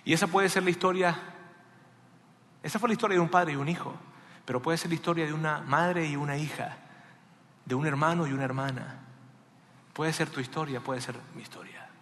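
A man preaching a sermon with passion and dramatic swings between loud and hushed. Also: fairly high pitch, fairly quick, pauses often. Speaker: pastor. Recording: echoey hall.

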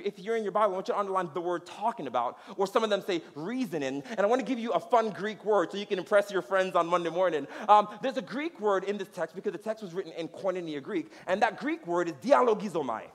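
A man preaching a sermon as pastor, energetic and conversational, laughing and checking in with his audience. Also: high-pitched, fast talker, hardly any pauses, long reverb tail.

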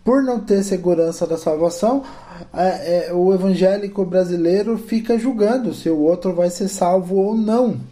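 A man's voice: high voice, normal speed, warm tone. A man co-hosting a casual talk show, explaining his view thoughtfully. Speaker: podcast co-host. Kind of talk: casual conversation.

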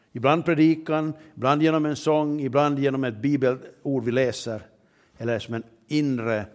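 A man with a medium-pitched, slightly mellow voice preaches an earnest sermon. He often poses rhetorical questions and reads scripture aloud with emphasis.

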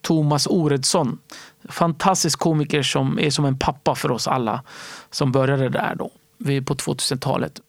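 A man telling stories in a casual interview, animated and fond of acting out other people's voices. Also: mid-range voice, gravelly, no room sound, studio quality. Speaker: stand-up comedy entrepreneur and guest.

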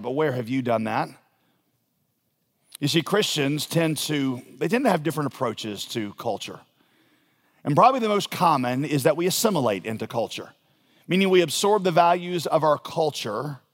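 Man preaching in a reverberant hall. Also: medium pitch. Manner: emphatic preaching with sudden rises and soft drops. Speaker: pastor. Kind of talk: sermon. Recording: long reverb of a large hall.

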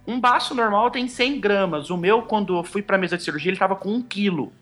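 A young man, telling his story as a guest in an animated, casual way, acting out quoted dialogue. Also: high voice, brisk, faint music behind. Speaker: podcast guest.

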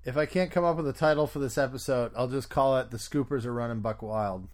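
A man's voice: mid-range voice, fast. A man hosting a podcast, chatting casually and opinionatedly about comics news. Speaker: podcast host. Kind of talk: casual chat.

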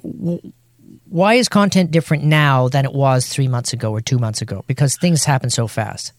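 A man's voice: mid-range voice, normal speed, no echo. A man hosting a podcast interview, talking casually with a few hesitations. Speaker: podcast host.

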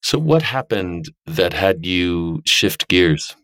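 A man hosting an interview, asking his guest questions in a measured, inquisitive way. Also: deep voice, big pitch swings, fairly bright tone, no echo. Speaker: podcast host.

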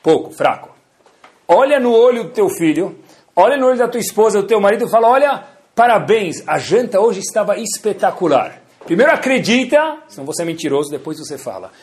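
A rabbi teaching a Torah lesson with stories, lively, swinging between loud emphasis and soft asides, and acting out the dialogue. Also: male voice, sits high, quick pace. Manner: acts out dialogue in his stories.

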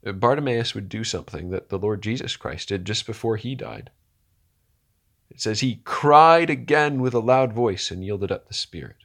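A man with a fairly low voice preaches a sermon, swinging between hushed, slow lines and loud, rousing ones while putting rhetorical questions to his listeners.

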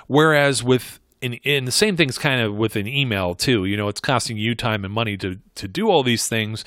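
A man's voice: lowish voice, a bit bright, no room sound, studio quality. A man talking through marketing advice in a casual, rambling way, often restarting and correcting himself. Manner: rambling, conversational, frequent self-corrections.

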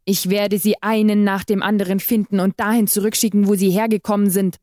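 A woman's voice: mid-range voice, level tone, fairly quick, mellow, no echo, studio quality, lightly acted. A woman doing a fanatical fake exorcist. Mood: fanatical menace. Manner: snapping, zealous. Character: deranged man posing as an exorcist priest, fanatical and menacing.

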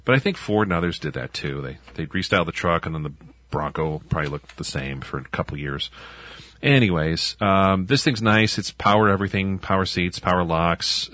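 A man's voice: low-pitched, fairly bright tone, no echo. A man co-hosting a podcast, rambling casually about old trucks with lots of fillers. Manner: rambling, filler-heavy, laughs often. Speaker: podcast co-host. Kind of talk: casual car chat.

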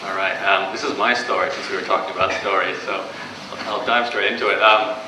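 He speaks a little fast in a low, steady voice, an Australian-born young man with a Canadian accent chatting conversationally to an event audience. Fillers and restarts come often. It's a live room recording, distant and echoey, with background noise.

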